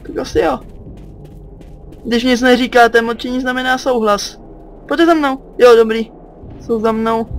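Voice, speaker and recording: A man's voice: extremely high pitch, steady tone, pauses often, a little hiss or hum. A teenage boy from Czechia giving let's play commentary, jumpy, yelping and cursing at enemies. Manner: jumpy, yelps and curses at enemies. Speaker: gaming channel host.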